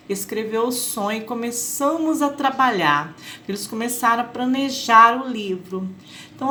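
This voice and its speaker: A woman's voice: fairly high pitch, a bit bright, a little hiss or hum. A Brazilian woman teacher with a patient manner, explaining a workbook lesson to children and checking in often. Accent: Brazilian Portuguese.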